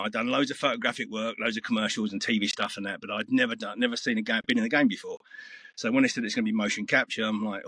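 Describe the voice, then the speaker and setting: Slightly rough, pushed and bright, and on the low side, this middle-aged man's voice comes through with no echo. He's an interview guest in a casual chat, telling rambling, down-to-earth stories and swearing along the way.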